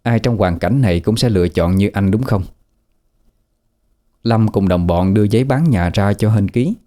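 A man narrating a ghost story in a steady, sorrowful manner. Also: fairly low pitch, moderate pace.

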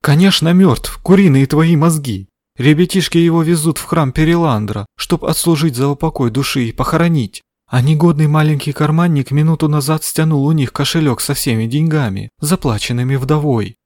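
A man voicing a loud, scolding elderly woman shopkeeper in a dry audiobook recording. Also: medium pitch, moderate pace, few pauses, no room sound, natural voice. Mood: indignant. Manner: fussing and bellowing. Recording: dry studio sound.

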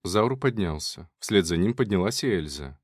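A man narrating a novel in a measured, expressive reading voice. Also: low voice, breathy edge, no room sound, clean studio sound. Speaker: audiobook narrator.

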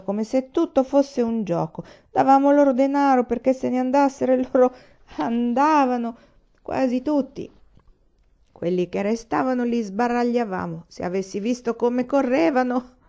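A woman reading aloud voices a drunk young male army lieutenant who talks loudly and boastfully. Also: on the high side, normal speed, pitched above the performer's own voice, natural voice. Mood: drunken, blustering. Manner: loud, boastful, sobbing and angry by turns. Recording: slightly dull, lo-fi recording.

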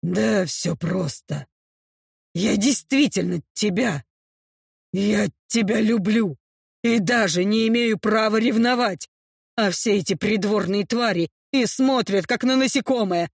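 A woman voicing a young male orc, speaking low and subdued with remorse, in an audiobook reading. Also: animated, a little slow, vocal fry, husky, no room sound, clean studio sound, exaggerated voice. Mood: remorseful. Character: young male orc, gruff yet apologetic. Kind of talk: audiobook character voice.

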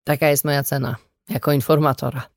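A weary man speaks quietly and reassuringly, as a woman reader lowers her voice for him. The tone is subdued and soft, deep for the reader. The recording is dry and close. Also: flat delivery, a little fast, no echo. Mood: soothing. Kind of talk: audiobook character reading.

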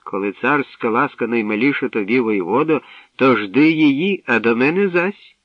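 A man voicing a playful, clever young princess with a teasing, sharp manner. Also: medium pitch, big pitch swings, measured pace, no room sound, distant mic, dull audio, pitched above the performer's own voice.

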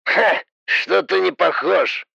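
A man doing a rasping guard over police-style radio. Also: high-pitched, bright, forceful tone, dry recording, pitched above the performer's own voice, heavily acted. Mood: mocking. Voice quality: hoarse, rasping. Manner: slow, taunting, drawn-out delivery. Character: gruff, mocking male perimeter guard. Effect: heard over a two-way radio. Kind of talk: audiobook character voice. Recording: muffled radio transmission.

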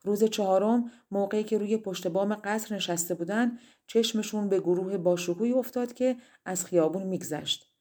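A woman's voice: medium pitch, dark tone. A woman narrating a fairy-tale audiobook in a colloquial, spoken style. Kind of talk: storybook narration.

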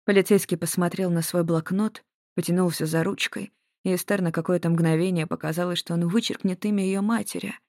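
An audiobook narrator reading scripted prose in an even, measured way. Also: mid-range voice, dry recording, clean studio sound.

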